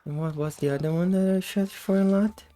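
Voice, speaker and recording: A woman giving casual, unhurried gameplay commentary in a sleepy, just-woke-up morning voice. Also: on the low side, fairly even intonation, warm tone, faint music behind. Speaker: gameplay host.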